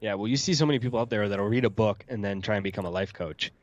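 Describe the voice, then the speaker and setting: A man guest on a podcast, talking in a quick, matter-of-fact casual way. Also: lowish voice, no room sound, dull audio.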